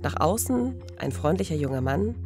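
Conversationally hosting a true-crime podcast, a woman in her thirties sits at a studio microphone with a pop filter and headphones in a small radio studio. She has a deep, sing-song voice at normal speed, with music playing in the background.

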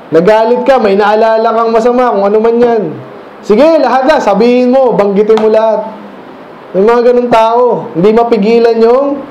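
Male Filipino preacher, casual teaching sermon, mellow tone, dull lo-fi church recording. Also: high voice, a little hiss or hum. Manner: keeps checking in with rhetorical questions. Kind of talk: conversational Bible teaching sermon. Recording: echoey church room, dull lo-fi sound.

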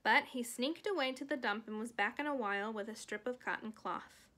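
A woman's voice: fairly high pitch, brisk, bright, forceful tone. A woman teacher reading a children's book aloud, stopping for casual asides that explain words to young children.

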